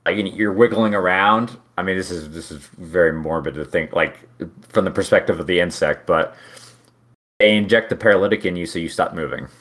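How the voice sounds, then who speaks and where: A man in his thirties co-hosts a casual chat in a low, brisk, slightly bright voice. He rambles, interrupts himself to restart sentences, and keeps a joking tone throughout.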